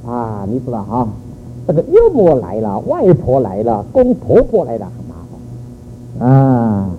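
A man's voice: mid-range voice, wildly swooping pitch, measured pace. An older man giving a church sermon on raising children, telling stories animatedly and tossing in rhetorical questions. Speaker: church speaker. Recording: phone-like narrow audio with faint noise.

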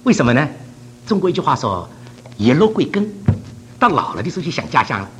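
A man's voice: mid-range voice, big pitch swings, quick pace, fairly bright tone, soft background music. An older man from China preaching a sermon, laughing often and mixing English words into his talk.

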